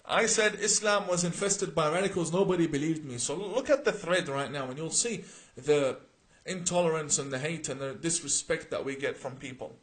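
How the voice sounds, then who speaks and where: On a live stream, a man from Iraq with a fairly high voice reads viewers' names and questions, then answers them. He's earnest and emphatic, tripping over repeated words and uh's, at a moderate pace with few pauses, in a low-quality recording.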